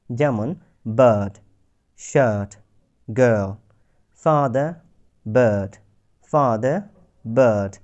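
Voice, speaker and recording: A man at a middling pitch gives a YouTube lesson on English pronunciation. He explains step by step in a patient, unhurried way and draws out each example word. The recording is slightly dull and lo-fi. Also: warm tone. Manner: slow, patient explaining with drawn-out example words.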